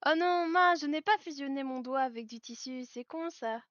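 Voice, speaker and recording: A woman streaming live while making clothes, chatting with viewers, telling stories, laughing often and switching into halting English. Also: high voice, dry recording, dull audio. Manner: chatty storyteller, laughs often, answers chat. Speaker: livestreamer and clothing maker. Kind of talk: casual chat with live viewers. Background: soft background music.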